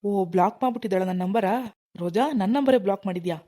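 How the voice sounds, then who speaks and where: A woman's voice: medium pitch, very fast, dark tone, pitched below the performer's own voice, lightly acted. A woman voicing a bitter, vengeful ex-husband in a village cartoon, muttering threats. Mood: spiteful. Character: spiteful vengeful ex-husband, adult man.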